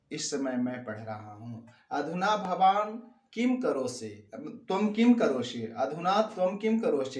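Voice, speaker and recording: A man with a slightly raised pitch teaching a Sanskrit lesson in a slow, measured way. He voices each example sentence and then explains it plainly, stressing the key words again and again. His voice rings with the echo of a bare room. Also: darkish tone. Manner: reads a Sanskrit sentence, then gives its meaning in Hindi; repeats key words with rising emphasis. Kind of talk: classroom lesson explaining grammar.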